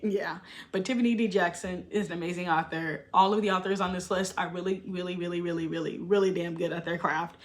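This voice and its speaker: A young adult woman talking casually to camera about books, chatty and emphatic, with fillers and laughs. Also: medium pitch. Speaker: book vlogger.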